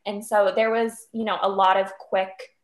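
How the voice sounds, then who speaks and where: Young woman, 25, from Cape Cod, bubbly and chatty, lots of "um" and "like", mid-pitched voice, roomy echo. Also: level tone, unhurried. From Cape Cod, Massachusetts. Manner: chatty, upbeat, with many fillers like "um" and "like". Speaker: guest. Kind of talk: casual podcast interview.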